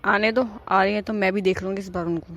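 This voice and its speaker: A woman's voice: medium pitch, fairly even intonation, fast, fairly bright tone, lightly acted. Woman as a put-upon young wife, grumbling, cartoon role. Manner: grumbling, complaining. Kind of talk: cartoon voice acting.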